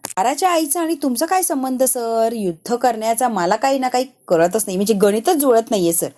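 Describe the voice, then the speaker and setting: A woman's voice: a little high, expressive, fairly quick, mellow, close to an everyday voice. A woman doing a confused, polite assistant. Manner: puzzled, polite. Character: confused, deferential male assistant.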